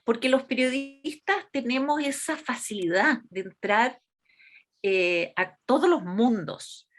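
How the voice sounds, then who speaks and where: A woman's voice: fairly high pitch, animated. A woman in her sixties with a Chilean accent, talking thoughtfully and at length as an interview guest. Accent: Chilean Spanish. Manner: slow, thoughtful, measured. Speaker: interviewee, constitutional delegate. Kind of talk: reflective interview talk.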